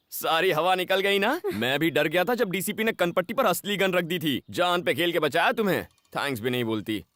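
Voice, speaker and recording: A cheeky young hero. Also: male voice, sits high, animated, moderate pace, a bit bright, no echo, studio quality. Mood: teasing. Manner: teasing, pleading. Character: cheeky, playful young man. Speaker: male lead. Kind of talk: Hindi film dubbing.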